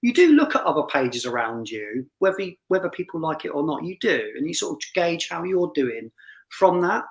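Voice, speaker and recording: A man's voice: on the high side, very animated, moderate pace, rough recording. A man hosting a casual interview, friendly and chatty, often stumbling and restarting his sentences. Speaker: host.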